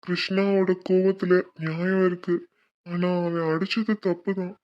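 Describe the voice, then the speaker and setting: A woman's voice: lowish voice, lo-fi sound, natural voice. A woman voicing a level-headed young male college friend who reasons and soothes.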